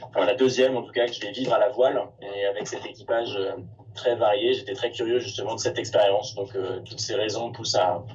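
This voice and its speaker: Man, crew member, halting casual talk; distant dull call sound. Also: lowish voice, steady tone. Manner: hesitant, repeats words.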